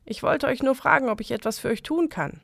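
A woman voicing a loyal, kindly male servant of a medieval castle, speaking gently, in an audio legend reading. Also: high voice, animated, fairly quick, gravelly, dry recording, studio quality, pitched above the performer's own voice, exaggerated voice.

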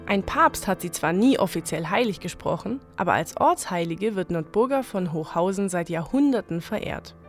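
A woman narrating a medieval legend in calm, scripted storytelling. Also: on the low side, moderate pace, few pauses, faint music behind.

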